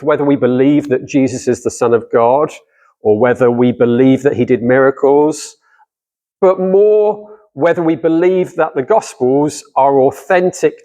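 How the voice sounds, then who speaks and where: A middle-aged man, not from Cardiff, is a guest speaker giving a talk on scripture to a church audience. He speaks conversationally and puts questions to his listeners, his voice a little high and a little mellow.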